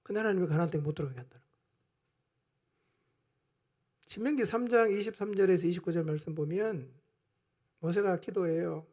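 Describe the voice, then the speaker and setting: A man with a noticeably high voice preaches a Sunday sermon in a church. He swings from quiet, hushed asides to loud, impassioned emphasis, stretching key words for weight. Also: a little fast, long pauses. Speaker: pastor.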